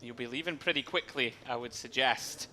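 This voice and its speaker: A man's voice: mid-range voice, moderate pace, pushed and bright. A man co-commentating a poker tournament live, giving conversational analysis in wry, wordy turns of phrase over music.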